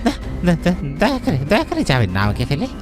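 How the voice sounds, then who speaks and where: A man plays a frantic cartoon villager, stammering and pleading for his life. His high voice swings widely in pitch. Music plays clearly behind it. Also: huge pitch swings, fast talker. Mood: terrified pleading. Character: panicky, pleading male villager hunted by a ghost. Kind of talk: cartoon ghost story acting. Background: prominent background music.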